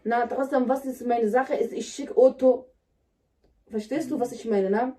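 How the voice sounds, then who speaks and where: Higher-pitched woman, blunt and insistent. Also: fairly even intonation, normal speed, dark tone. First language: Somali. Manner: blunt, insistent, in simple broken German. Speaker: vlogger staging a prank on husband. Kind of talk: casual home vlog talk. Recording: distant mic, indoor home recording.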